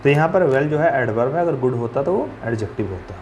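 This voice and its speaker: A man's voice: medium pitch, expressive, fast, darkish tone, a little hiss or hum. A man teaching a grammar lesson. He asks questions and answers them himself, and he spells words out letter by letter.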